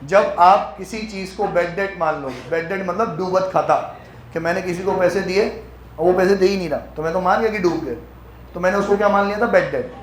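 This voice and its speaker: A man teaching an accounts class, joking with his students and reading the questions out slowly. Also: sits high, slight background noise. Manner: teasing, banters with students, reads questions slowly. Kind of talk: classroom lecture. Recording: echoey classroom.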